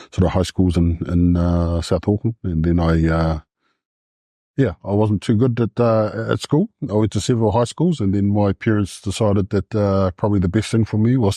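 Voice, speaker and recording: A man in his forties, born in Samoa, telling his life story as a podcast guest, with many pauses and restarts. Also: deep voice, mellow, no room sound, studio quality. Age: 40s. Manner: halting, many fillers and restarts. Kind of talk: podcast interview in a classroom.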